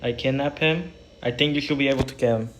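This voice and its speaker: Brief: male streamer, mid-pitch, rambling gaming chatter with a faint hum behind. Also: a bit bright. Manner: rambling, talks to chat while playing; quick bursts, trailing off mid-sentence. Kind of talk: casual gaming livestream chat.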